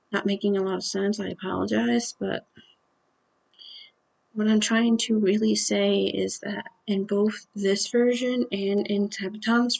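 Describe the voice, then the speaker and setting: Slow, flat, gravelly woman reacting. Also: mid-range voice, rough recording. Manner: earnest and apologetic, thinking aloud. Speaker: reaction video host. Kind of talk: casual music reaction commentary.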